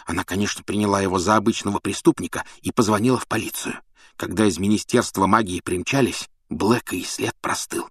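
A man doing a hushed worried schoolboy. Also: lowish voice, fairly quick, slightly rough, dry recording, studio quality. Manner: hushed, half-whispered.

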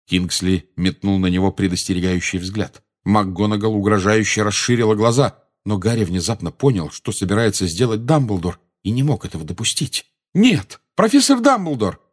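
A man reading a novel aloud as an audiobook narrator, with expressive storytelling. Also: fairly low pitch, fairly quick, few pauses.

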